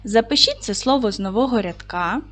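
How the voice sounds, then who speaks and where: A woman teaching a recorded video lesson to fourth graders, speaking clearly and deliberately and reciting short rhymes. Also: fairly high pitch, animated. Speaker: primary school teacher.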